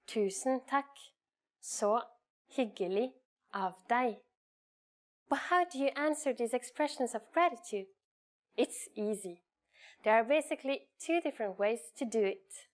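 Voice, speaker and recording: A woman with a Norwegian accent hosts a scripted language lesson, speaking in an instructional way and enunciating phrases carefully. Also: on the high side. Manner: clear, instructional enunciation with slowly repeated phrases. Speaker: language teacher and lesson host.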